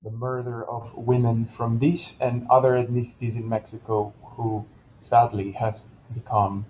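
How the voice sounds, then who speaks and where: A man giving a measured academic panel talk, pausing with fillers. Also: mid-range voice, little pitch movement, darkish tone, dull audio, slight background noise.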